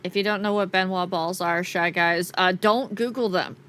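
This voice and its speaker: A woman's voice: lowish voice, fairly even intonation, normal speed, fairly bright tone, faint music behind. A woman hosting a game livestream, chatting to viewers in a cute, playful anime-streamer manner. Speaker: streamer, host.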